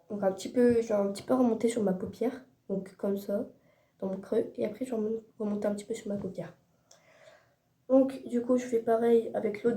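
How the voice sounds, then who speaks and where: A woman's voice: a little high, mellow, roomy sound. A teenage girl giving a casual makeup tutorial at home, chatty and hesitant, searching for words and correcting herself. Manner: chatty, hesitant, many fillers and self-corrections. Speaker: beauty vlogger.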